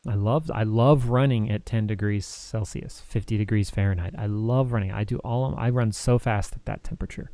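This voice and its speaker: A mentally exhausted man co-hosting a livestream chat, talking in halting starts and restarts. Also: fairly low pitch, fairly even intonation, mellow. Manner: halting, restarts often, tired. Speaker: streamer and co-host.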